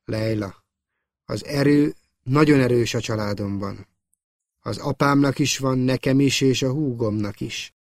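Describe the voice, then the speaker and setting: An earnest young Jedi knight talks gently and with quiet resolve, as a male narrator reads him. His voice sits at a mid pitch, recorded dry and close. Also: no echo, natural voice. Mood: gentle. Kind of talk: audiobook character reading.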